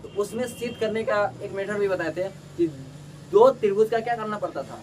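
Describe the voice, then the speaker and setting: A man explains a lesson in a fairly high voice, repeating each question and answering it himself. He sounds a little far from the mic, with a faint hum of background noise in the room. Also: fairly quick. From Bihar. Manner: colloquial, calls students "babu". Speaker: teacher.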